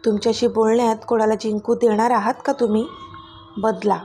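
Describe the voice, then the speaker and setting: A woman's voice: fairly high pitch, level tone, moderate pace, mellow, faint music behind, close to an everyday voice. Woman voicing a sulky jealous young wife. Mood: sulking. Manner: sulky and reproachful.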